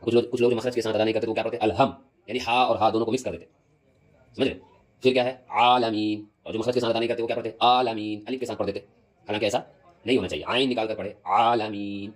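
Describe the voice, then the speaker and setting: A man teaching a lesson on prayer recitation. He explains step by step, repeats his points, keeps asking if he is understood, and recites verses slowly to show correct pronunciation. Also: lowish voice, low-quality recording. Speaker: religious teacher.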